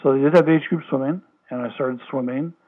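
A man's voice: medium pitch, fairly even intonation, a little fast. An older man from Hawaii, a former Olympic swimmer, answering oral history questions over the phone, hesitant with many fillers and restarts. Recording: tinny phone line.

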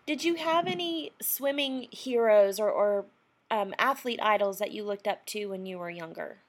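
A woman conducting an oral history interview, asking questions in a formal, measured way. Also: medium pitch.

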